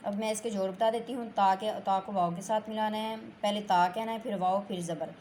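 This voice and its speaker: A woman with a mid-pitched voice gives a Quran reading lesson. She talks patiently and draws out her words, repeating syllables for her learners. A faint hiss sits under the recording. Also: steady tone, brisk, darkish tone. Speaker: Quran recitation teacher. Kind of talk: slow step-by-step lesson.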